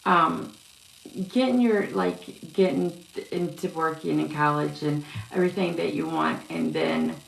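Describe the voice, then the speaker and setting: A woman giving a casual psychic reading on a live stream, talking haltingly with many fillers and restarts. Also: deep voice, expressive, vocal fry. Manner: halting, filler-heavy, yawning. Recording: echoey room with faint noise.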